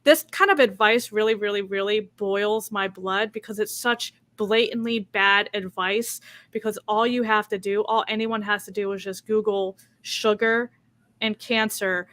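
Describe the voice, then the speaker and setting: Bright-voiced woman on an impassioned rant. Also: medium pitch, steady tone, unhurried. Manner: impassioned, ranting, repeats herself. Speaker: panelist. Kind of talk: casual group video chat.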